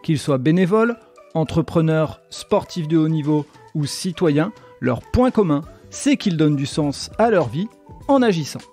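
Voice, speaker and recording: A man's voice: on the high side, lively intonation, unhurried, darkish tone, soft background music. A man hosting a podcast, reading a welcoming intro, then interviewing his guest. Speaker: podcast host.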